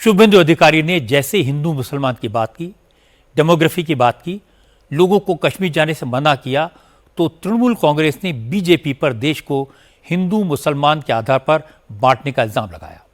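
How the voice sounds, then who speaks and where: A man anchoring a news report, narrating crisply and with emphasis. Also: fairly high pitch, lively intonation, moderate pace.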